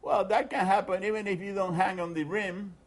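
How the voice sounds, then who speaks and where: A man's voice: high-pitched, steady tone, fairly quick. A man hosting a game segment on a sports radio show, giving announcer-like prompts. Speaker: segment host.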